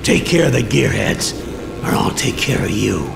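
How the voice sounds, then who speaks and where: An actor playing a tough, curt, menacing boss in a video game. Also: male voice, fairly low pitch, big pitch swings, normal speed, vocal fry, exaggerated voice. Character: tough, threatening male boss handing out jobs. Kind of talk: video game character dialogue. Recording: roomy echo under loud music.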